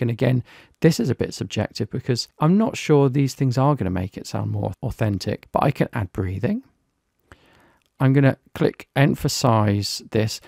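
A man giving a relaxed software review, talking through each step on screen as he clicks. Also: mid-range voice, vocal fry, no room sound, clean studio sound. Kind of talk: screen-recorded software walkthrough.

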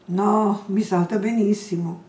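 A woman's voice: mid-range voice, fairly even intonation, measured pace, natural voice. A woman reading a cat-loving man, teasing. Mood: musing. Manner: gently teasing, coaxing. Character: middle-aged man fussing gently over his cat. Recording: roomy echo, distant mic.

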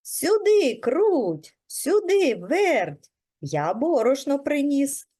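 A woman's voice: high voice, very animated, a little slow, dark tone. A woman voicing a hardworking, patient male rooster in a children's storybook reading, calling out in an earnest way.

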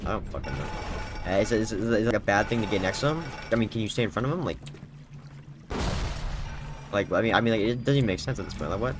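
A young man playing a video game and commenting casually, excitable and profane, trash-talking the enemies. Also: on the low side, fast talker, pauses often, over music. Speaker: gaming YouTuber.

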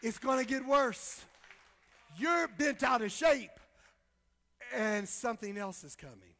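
Male pastor, high forceful voice, impassioned preaching with call-and-response and lots of repeats, long echo of a church hall. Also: animated, takes it slowly. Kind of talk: sermon.

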